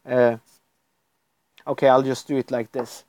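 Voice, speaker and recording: A Norwegian man, whose first language is Norwegian, chats casually on a live stream at his computer, rambling and chuckling often. His mid-range voice has a darkish tone and flat delivery, a little slow, with no echo.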